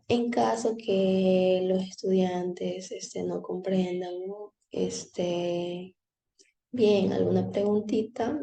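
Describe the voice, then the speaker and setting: A woman's voice: mid-range voice, gravelly, mellow, reverberant. A woman, a teacher, explaining a grading rubric in a hesitant way, with fillers. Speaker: teacher presenting a lesson plan.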